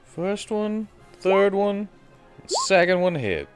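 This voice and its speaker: A high-sitting male voice with lively intonation and a slow pace belongs to a game master narrating a tabletop role-playing game in a playful way. He acts out combat using playful sound effects, and background music plays throughout.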